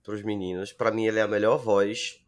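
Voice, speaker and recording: A man's voice: fairly low pitch, flat delivery, a little fast. Slangy, swearing man co-hosting a podcast. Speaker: podcast co-host. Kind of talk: casual chat.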